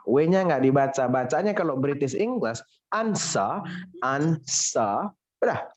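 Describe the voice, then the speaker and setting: A man's voice: medium pitch, expressive, moderate pace, a little mellow. A man with an Indonesian accent teaching an English pronunciation class, teasing and joking with his students. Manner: playful, teasing, jokey mock-English examples.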